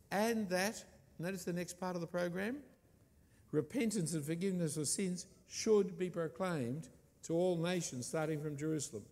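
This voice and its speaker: A man preaching a sermon, stressing and repeating key words with deliberate emphasis. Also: a little high, darkish tone, long reverb tail.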